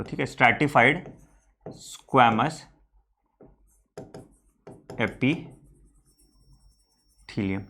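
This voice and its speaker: Indian man teaching biology for an exam. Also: fairly high pitch. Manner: mixes Hindi with English terms, repeats key phrases, frequent "ठीक है" check-ins; slows right down to spell out technical terms. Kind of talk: online exam-prep lecture.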